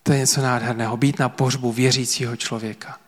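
A man preaching a sermon as pastor to a church congregation, earnest and emphatic with dramatic pauses. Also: mid-range voice, flat delivery, big-room sound. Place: church service before about 300 people.

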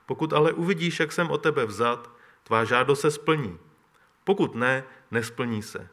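Elijah, a calm old prophet, read by a man. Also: medium pitch, lightly acted. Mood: grave.

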